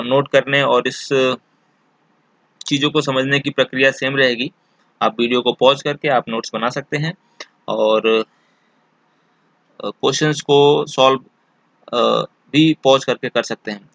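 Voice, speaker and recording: Man, teacher, exam-prep lesson, patient repeating, bright tone, dry close recording. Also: mid-range voice, no room sound. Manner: explains slowly, repeats points, many fillers.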